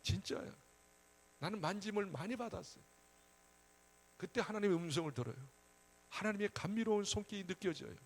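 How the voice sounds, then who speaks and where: High-pitched guy preaching a friday prayer service, gets loud then goes real quiet, mains hum in the background. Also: expressive, fairly quick, pauses often. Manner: emphatic, conversational preaching that swings between loud urging and soft asides. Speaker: pastor. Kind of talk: sermon at a Friday prayer meeting.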